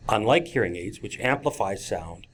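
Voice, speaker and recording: A man's voice: lowish voice, lively intonation, moderate pace, slight background noise. A man giving scripted instructional narration for teachers, speaking directly to them as folks. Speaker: presenter of a teacher training video.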